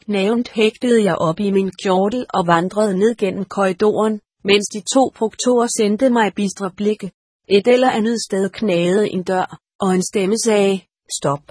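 An audiobook narrator reads a first-person story in a steady, measured voice that is slightly breathy and middle-pitched. The recording is close and dry, with no room sound.

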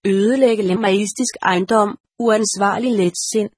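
A woman reading a first-person story aloud in a measured, steady audiobook narration. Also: medium pitch, husky, dry recording, clean studio sound.

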